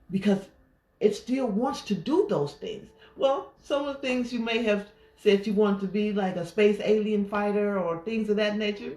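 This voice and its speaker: A woman life coach giving a gentle, reflective affirmation talk, pausing often. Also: medium pitch. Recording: roomy echo.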